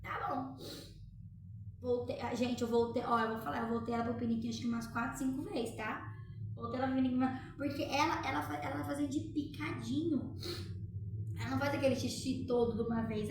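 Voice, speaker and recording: A mother chats casually with her viewers from a room at home, telling a story and often asking them to react. Her voice sits high, and she is recorded off-mic from a distance in a very echoey room with a noisy background.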